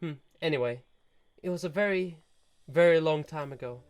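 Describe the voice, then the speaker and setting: A haughty snake-woman noble with a tragic past, speaking slowly and solemnly, as a man reads her lines. The voice sits a little high. She stays aloof. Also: clean tone, soft background music, natural voice. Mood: wistful. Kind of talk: reading game dialogue aloud.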